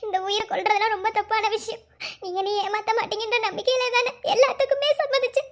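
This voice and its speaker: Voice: very high-pitched, steady tone, quick pace, a bit bright. A performer voicing a betrayed young pregnant woman in a cartoon love story, pleading and wailing through tears.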